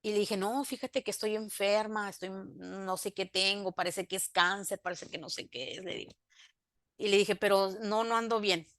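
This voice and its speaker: A woman recounts her faith testimony to an interviewer, voicing each person in her remembered conversations. Her pitch sits in an ordinary middle range, and she grows emphatic when she preaches. The sound is dry and close, with no room echo. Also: fairly even intonation, moderate pace, fairly bright tone. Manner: storytelling that acts out both sides of remembered dialogue.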